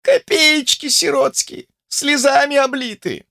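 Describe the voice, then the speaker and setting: A man's voice: very high voice, a little slow, gravelly, pushed and bright, no room sound, studio quality, voice pushed up, full character voice. A man reading an audiobook voices a complaining old village woman who mumbles toothlessly and curses her neighbours. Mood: grudging. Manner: toothless mumble, lamenting and cursing.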